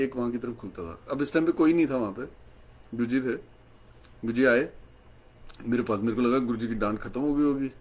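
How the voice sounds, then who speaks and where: A man telling a devotional story in an animated way, mixing Hindi and English and acting out what others said. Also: medium pitch. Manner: mixes Hindi and English, animated, acts out quoted lines. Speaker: devotee sharing a satsang story. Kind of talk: storytelling talk.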